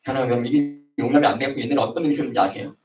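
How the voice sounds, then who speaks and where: A man's voice: mid-range voice, very fast, a little mellow. A man preaching a sermon to a young adults' service, acting out quarrels in raised voices. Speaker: pastor. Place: church sanctuary. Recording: roomy, distant, dull online service audio.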